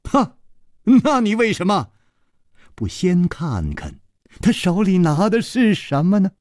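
Guy doing a clever young swordsman hero, bright and teasing, quick banter, dry sound. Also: high voice, wildly swooping pitch, no echo, pitched above the performer's own voice, exaggerated voice.

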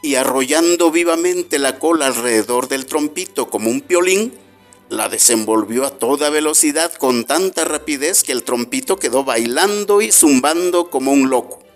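A man from Mexico reading a children's fable aloud on radio in a measured, expressive way. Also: medium pitch, soft background music. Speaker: radio storyteller. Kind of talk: storybook narration.

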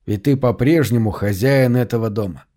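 A man's voice: mid-range voice, moderate pace, pitched below the performer's own voice, close to an everyday voice. A man reading the lines of a grown son with an everyday male voice. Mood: calm. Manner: desperate, pleading shouts. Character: grown son, frantic then commanding.

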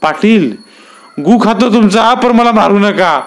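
A man voicing a terrified village servant who begs for mercy in a panicky, pleading whine, pitched high above his narrating voice. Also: normal speed, clean tone, lightly acted.

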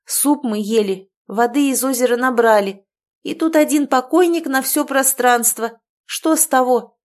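A woman voicing an angry young woman who snaps and yells at her friend, in an audiobook. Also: high-pitched, measured pace, voice pushed up. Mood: angry yelling. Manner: shouting, sharp, scolding. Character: young woman, furious and worn out.

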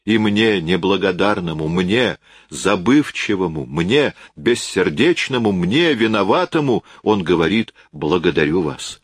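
A man's voice: sits low, big pitch swings, unhurried, slightly rough, no room sound, studio quality, exaggerated voice. A man reading an audiobook, voicing an impassioned, insistent young man who speaks in emphatic exclamations. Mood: passionate.

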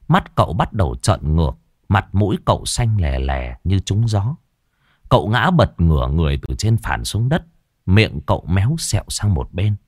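A man with a Southern Vietnamese accent telling a ghost story in the first person, gruff and blunt, cursing casually. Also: sits low, a little mellow, no echo, studio quality.

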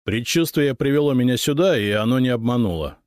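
A man's voice: medium pitch, animated, fairly quick, a little mellow, no echo, studio quality, pitched above the performer's own voice, close to an everyday voice. A man voicing a determined, curt male secret-service chief in an audiobook.

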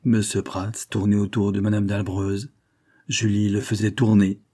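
A man's voice: level tone, a little slow, warm tone. A man reading a classic novel aloud, lifting his voice for the characters' dialogue. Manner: voices characters' dialogue with raised pitch and force. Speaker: audiobook reader.

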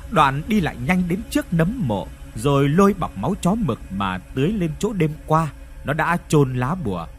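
A man narrating a ghost story in an expressive, dramatic storytelling manner. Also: on the high side, normal speed.

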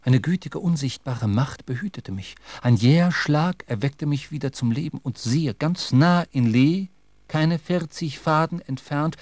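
A man narrating a radio drama in a measured, literary storytelling manner. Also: medium pitch, a little mellow, no room sound.

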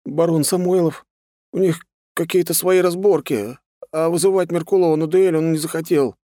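A man's voice: fairly high pitch, steady tone, normal speed, mellow, no room sound, studio quality, voice pushed up, close to an everyday voice. A man voicing a frightened male thug, a former violinist, who whines and stammers as he pleads. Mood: cowed. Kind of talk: audiobook character voice.

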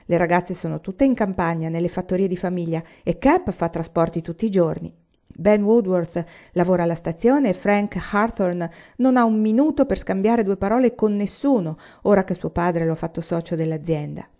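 A woman's voice: on the low side, moderate pace, mellow, dull audio, close to an everyday voice. A woman reading the part of a chatty, slightly gossipy teenage girl in a storybook.

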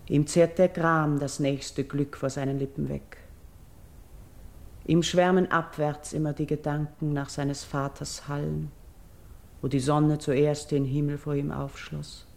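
In classical radio verse, a deep-voiced actress portrays a grieving, devout, noble priestess living in exile. She speaks in a solemn, measured, declamatory way, dropping to a hush at times, with a yearning, sorrowful feeling.

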